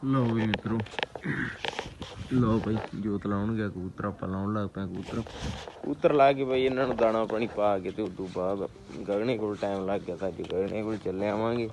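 Speaking fairly quickly in a fairly low voice, this Punjabi-accented man vlogs casually from his farm. He talks in a brotherly, rustic way, repeatedly greeting his viewers as brothers and friends, amid noisy rural sounds of birds and animals.

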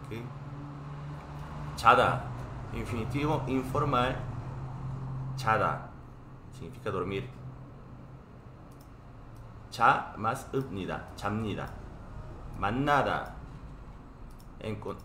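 A man's voice: lowish voice, pushed and bright, reverberant, slight background noise. A man with a Korean accent teaching a live online Korean class, explaining patiently and checking in often with his students.

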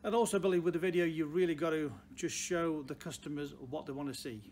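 A man in his sixties from Stoke-on-Trent, England, speaks with a Potteries accent in a fairly high, darkish voice, fast and with fairly even intonation. Working as a car dealer, he gives plain-spoken, unscripted advice to camera, leaning on emphatic repeated phrases. The clip is clear, with background noise from the large indoor car showroom around him.

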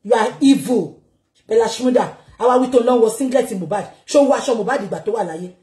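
Scornful high-voiced Nigerian woman ranting. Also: animated, fast. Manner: mocking, scornful, bursts into shouting and laughter. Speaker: social media commentator. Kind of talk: heated commentary rant. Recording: roomy echo.

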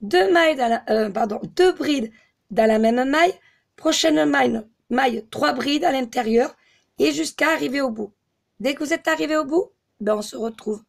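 A slightly hoarse woman giving a step-by-step crochet tutorial, patiently counting stitches aloud. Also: high-pitched, moderate pace. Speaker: crochet teacher.

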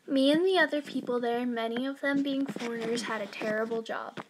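A woman's voice: fairly high pitch, a little fast, noisy background, natural voice. A woman voicing a young male immigrant miner, in an earnest first-person school history narration read plainly aloud.

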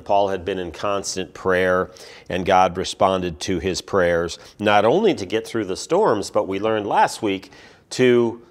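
A man, a pastor, giving a relaxed, conversational sermon. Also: lowish voice.

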